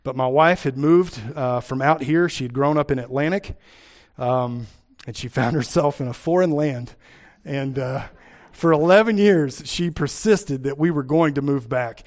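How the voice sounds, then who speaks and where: A Kentucky man with an Appalachian accent preaches a sermon, teaching from scripture and repeating key phrases for emphasis. His voice is medium-pitched and his pace a little slow.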